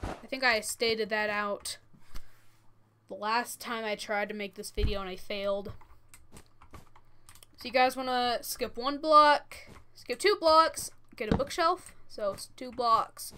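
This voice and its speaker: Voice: medium pitch, fairly even intonation, takes it slowly, pauses often, pushed and bright. A thirteen-year-old who says w for r, giving casual, informal step-by-step commentary as host of a gaming tutorial. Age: 13 years old. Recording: noisy, with keyboard and mouse clicks.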